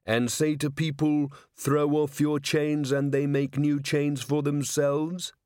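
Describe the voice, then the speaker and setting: A man voicing a literal-minded male clay golem constable who speaks in slow, measured, deliberate phrases. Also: on the high side, flat delivery, a little mellow, smooth, dry recording, clean studio sound, pitched above the performer's own voice. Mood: earnest.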